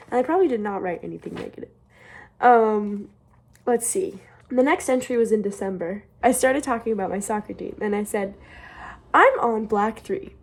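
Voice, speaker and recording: A woman's voice: mid-range voice, darkish tone. A young adult woman casually reading aloud from her childhood diary and commenting on it with amused, self-mocking embarrassment.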